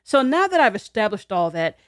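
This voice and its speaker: A woman speaks in an explanatory, conversational way, like a teacher walking listeners through a list. Her pitch sits in the middle, and she lightens things with quick laughing asides and little acted-out quotes. The recording is close and dry, with no room echo. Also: very animated. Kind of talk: explanatory talk to camera.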